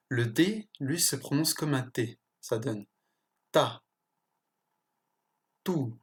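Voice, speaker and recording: A teacher slowly explaining pronunciation, pausing often and correcting small slips along the way. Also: medium pitch. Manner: slow, careful explanation with pauses and self-corrections. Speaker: language teacher.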